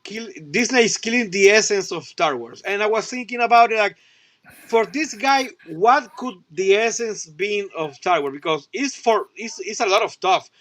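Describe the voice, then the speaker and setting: High bright-voiced man, halting chat. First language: Spanish. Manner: halting, many restarts, animated. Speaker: guest toy reviewer. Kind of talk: casual chat.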